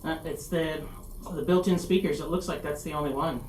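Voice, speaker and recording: A casual, halting presenter talks through a conference session in a loose, self-deprecating way. The voice is middling in pitch, steady and darkish in tone. It's picked up by a distant mic in an echoey, roomy space with a faint hiss underneath.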